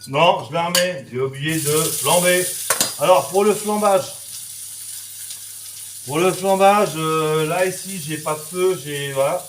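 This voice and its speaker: A French cooking teacher chats casually through a kitchen demonstration, his fairly high voice moving at a measured pace and peppered with "hein," "voilà," and little sound effects. The kitchen echoes, and a pan sizzles and fries in the background.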